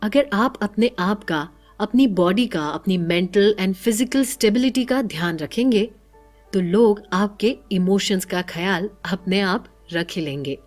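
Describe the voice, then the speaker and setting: A woman giving a calm, measured, motivational book-summary narration. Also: mid-range voice, faint music behind. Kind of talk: scripted narration.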